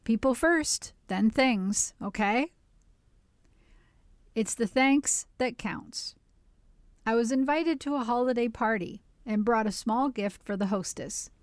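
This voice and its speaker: A woman reading newspaper advice columns and essays aloud for a radio reading service, in a measured, even delivery. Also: a little high, dry recording, clean studio sound.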